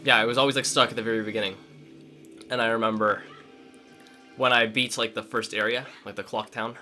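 Man, let's play co-host, bright and easy voice, jokey rambling chat, quiet game music behind. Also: on the low side, flat delivery, fairly quick. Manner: jokey, chatty, rambling with many "like"s. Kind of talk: casual gameplay chat.

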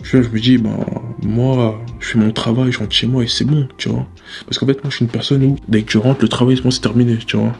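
A young man telling a casual, rambling story about his job, slangy and relaxed, with frequent asides to the listener. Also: medium pitch, fairly quick, creaky. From Paris area.

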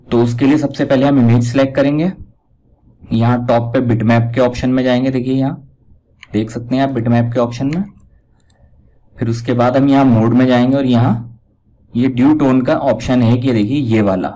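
A man giving a casual step-by-step software tutorial, pointing out each step as he goes. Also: mid-range voice, poor audio. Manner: talks step by step, repeats "dekhiye" while pointing things out. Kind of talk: casual screen-recorded tutorial.

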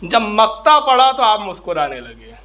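A male religious orator with an unusually high, bright and forceful voice. He tells a devotional story to a gathering, and his narration shifts easily into long, chanted lines of poetry. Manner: animated storyteller, breaks into drawn-out poetic recitation. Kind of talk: Urdu storytelling sermon with recited verse. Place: public gathering at a house venue.

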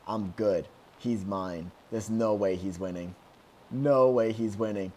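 A young man giving casual commentary on his own gameplay at home, excitable and yelling whenever things go wrong. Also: on the low side, slow pace, a little hiss or hum. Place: at home, outside his room.

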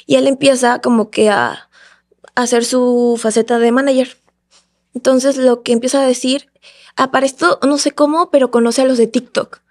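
A woman with a fairly high voice tells a story as a podcast guest. She talks in a casual, animated way and acts out what the other people in her story said. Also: moderate pace.

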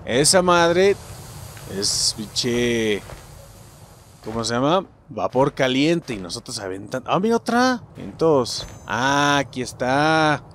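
A man's voice: medium pitch, takes it slowly, slight background noise. A young man with a Mexican accent giving let's play commentary, yelping and swearing at every scare. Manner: excitable, yelps and swears at scares. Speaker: gameplay streamer.

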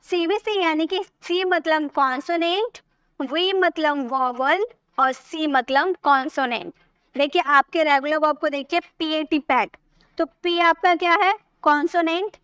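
A woman with a high, light voice teaches a grammar class. She speaks patiently, often drawing words out slowly syllable by syllable, and the recording is close and dry. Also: a bit bright, no echo.

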